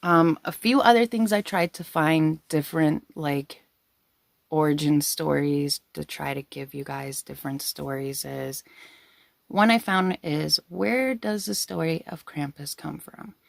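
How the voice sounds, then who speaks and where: A woman's voice: low voice, unhurried, creaky, dry recording. A woman hosting a casual storytelling video, giggly and rambling as she talks to her viewers. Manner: giggly, breaking into laughter while talking.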